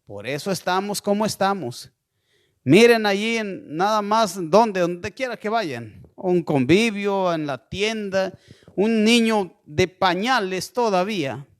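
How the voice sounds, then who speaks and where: A man preaching a sermon slowly and deliberately, often checking in with listeners with a questioning "¿sí?" and asking them to send in messages. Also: high-pitched, expressive. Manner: slow, deliberate preaching with frequent rhetorical "¿sí?".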